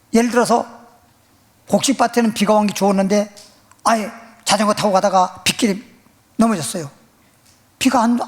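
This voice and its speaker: A man preaching a sermon in a church, his voice sitting notably high. He talks in a folksy, animated way, tossing rhetorical questions at the congregation. The delivery is plain and conversational. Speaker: pastor. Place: church sanctuary.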